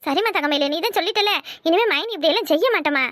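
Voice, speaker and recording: A woman voicing a sharp-tongued, grumbling young wife in a cartoon, with a Kanyakumari Tamil accent. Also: very high-pitched, expressive, very fast, no room sound, studio quality. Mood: weary. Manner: sarcastic, grumbling. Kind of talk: cartoon voice acting.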